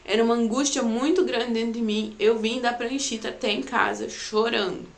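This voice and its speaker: A woman's voice: on the high side, steady tone, normal speed, gravelly. A woman from Brazil telling her own birth story in a casual, chatty way, often turning to her listeners with "né" and "sabe". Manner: chatty, addresses listeners as "gente", frequent "né" and "sabe".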